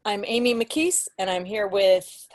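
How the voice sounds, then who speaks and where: Woman, podcast co-host, casual chat, considerate, medium pitch. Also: lively intonation, measured pace.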